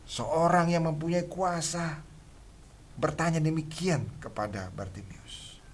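A man preaching a sermon who keeps addressing the listeners as brothers and sisters and shouts out the cries of a blind man. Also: on the high side, lively intonation, measured pace, slight background noise. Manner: builds to loud shouts when acting out a blind man crying.

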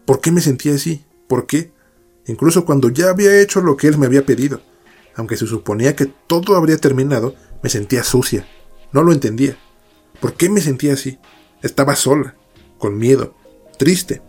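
A man narrates a dark first-person horror story, measured and dramatic, at a middle pitch. Faint music plays quietly beneath his voice. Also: slightly rough.

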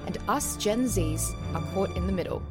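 Intro voice, woman, lively scripted read over a loud music bed. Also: mid-range voice, moderate pace. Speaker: podcast intro narrator. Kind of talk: scripted narration.

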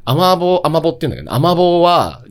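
A man co-hosting a podcast, telling stories in casual chat, laughing often. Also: a little high. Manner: animated, laughs often, quick storytelling. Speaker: podcast co-host.

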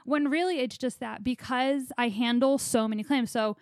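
A young woman with a high-sitting voice co-hosts a casual podcast chat at normal speed, spinning long, chatty, rambling and anxious stories. The clean studio sound has no room sound.

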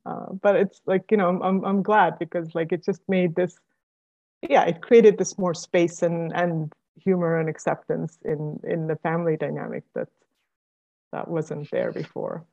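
A woman in her forties, originally from Estonia, muses through a personal conversation in a slightly low, warm, mellow voice. She hesitates often, restarting phrases and filling pauses with "like" and "you know". The recording is dull and lo-fi. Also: fairly even intonation, vocal fry. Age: 40s. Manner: hesitant, many fillers and restarts. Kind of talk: reflective conversation. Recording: dull lo-fi sound.

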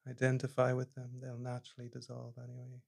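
A man leading a guided meditation, speaking slowly and calmly, his phrases trailing off softly at the ends. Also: mid-range voice, vocal fry. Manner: slow, calm, soft-spoken, trailing off quietly at phrase ends. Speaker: meditation teacher.

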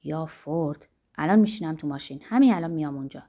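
Woman reader doing a rushed worried guy, quick lines, audiobook. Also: deep voice, warm tone, pitched below the performer's own voice. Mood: hurried.

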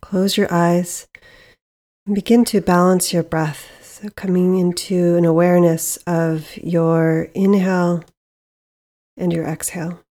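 Calm and measured, the female podcast host leads a meditation with frequent pauses. Her voice is lowish, and its tone is dark and relaxed.

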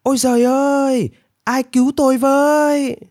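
A greedy, boastful storybook man, whining and crowing in a high, shrill sing-song that leaps all over the place, as a male narrator puts him on. The sound is dry and close, with no room around it. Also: sing-song, takes it slowly, no room sound. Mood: wailing. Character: greedy boastful middle-aged man, whiny coward. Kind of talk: storybook character voice.

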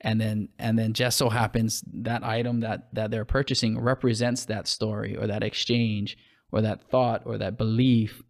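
Hawaiian man in his thirties, creaky-voiced, halting podcast talk. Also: fairly low pitch, little pitch movement. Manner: halting, many restarts and fillers. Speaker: podcast co-host, clothing brand owner. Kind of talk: casual podcast chat.

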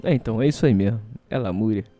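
A man's voice: on the low side, racing, dark tone, soft background music. A hungover Brazilian man hosting a casual solo show, rambling and hesitant as he talks. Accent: Brazilian Portuguese.

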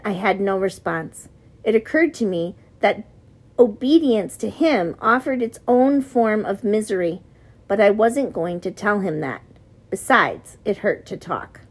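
A woman reading a novel aloud as an audiobook narrator, giving the characters slight shifts in voice. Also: medium pitch.

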